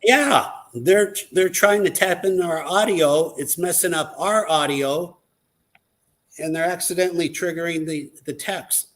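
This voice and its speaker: A man's voice: a little high, unhurried. A man speaking earnestly as a guest on a live online talk show, in casual conversation.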